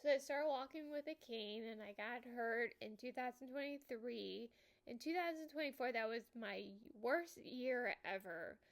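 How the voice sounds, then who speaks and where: A middle-aged woman talking casually and candidly, with slurred, halting speech that sounds a little stoned and a wry streak. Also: a little high. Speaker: vlogger sharing a personal health update. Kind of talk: casual personal talk to camera.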